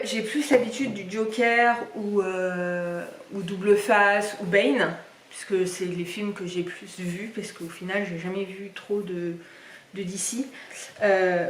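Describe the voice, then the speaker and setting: A woman's voice: medium pitch, slight background noise. A young woman chatting casually in a reading vlog, rambling with lots of fillers as she shows her books. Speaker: book vlogger. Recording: echoey room, somewhat far from mic.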